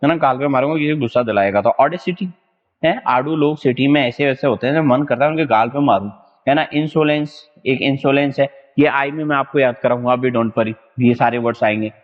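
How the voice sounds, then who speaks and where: A young man giving an exam-prep vocabulary lesson at a whiteboard, talking in a loose, joking way with a habit of repeating the same tag phrase. His voice sits at a middle pitch. It rings with a long, hollow echo and comes through a dull, lo-fi recording. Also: fairly quick. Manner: casual, repeats "right na" often, jokey memory tricks. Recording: dull, echoey lo-fi classroom recording.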